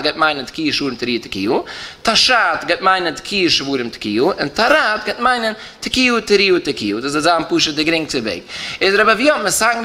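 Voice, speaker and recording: Male rabbi, Yiddish accent, lecture chant with rising and falling lines, bright voice. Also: fairly high pitch. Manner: rising and falling chant, stresses key terms, repeats phrases. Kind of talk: Talmudic lecture in a singsong study chant.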